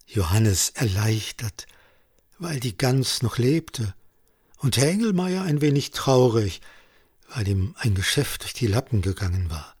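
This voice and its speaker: A man reading a story aloud in a calm, measured narration. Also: mid-range voice, breathy edge, no room sound, studio quality.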